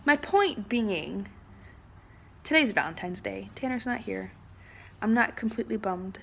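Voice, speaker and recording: A woman's voice: medium pitch, lively intonation, measured pace, vocal fry, a little hiss or hum. Young adult woman, casual vlogger; rambling, filler-heavy delivery. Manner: rambling, chatty, frequent "like" and "um". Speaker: vlogger, military spouse. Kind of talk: casual chat to camera.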